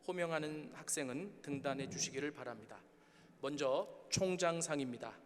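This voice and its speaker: A man's voice: on the high side, moderate pace, a little hiss or hum. A man, a professor, formally announcing awards and reading citations at a ceremony. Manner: formal, reads names and citations. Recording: reverberant hall.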